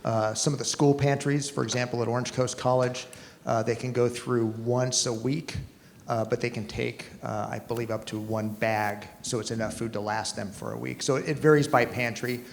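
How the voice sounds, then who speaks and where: Male speaker, medium pitch, explanatory Q&A with examples, long hall reverb. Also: steady tone, moderate pace, vocal fry, a little hiss or hum. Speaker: food recovery project speaker answering questions. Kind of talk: explanatory question-and-answer talk. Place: lecture hall.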